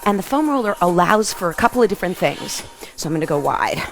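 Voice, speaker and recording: A woman's voice: lowish voice, big pitch swings, fast. A middle-aged woman aerobics instructor calling out short, punchy, encouraging workout cues as she exercises. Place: open living room at home, indoors. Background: music.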